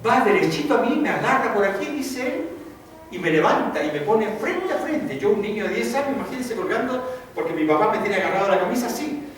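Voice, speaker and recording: A man's voice: sits high, very animated, fairly quick. A male pastor preaching a sermon in a dramatic style, acting out the voices he quotes. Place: church sanctuary. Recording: echoey church hall, distant mic, audible noise.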